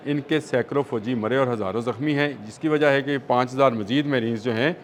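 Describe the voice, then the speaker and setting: A man's voice: medium pitch, a little fast, slight background noise. Emphatic Pakistani-accented man analyzing news. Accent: Pakistani Urdu. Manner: emphatic, repetitive, with hesitant fillers. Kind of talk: studio news discussion.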